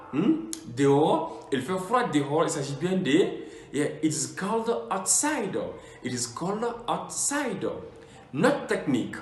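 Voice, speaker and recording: A man teaching an English lesson in French, explaining each phrase and repeating the example words slowly and deliberately. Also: fairly high pitch, roomy sound, a little hiss or hum.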